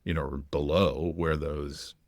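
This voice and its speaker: A man co-hosting a podcast, explaining practical details of a film in a relaxed, matter-of-fact way. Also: very deep voice, measured pace, creaky, dry recording, clean studio sound. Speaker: podcast co-host. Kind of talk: casual film discussion.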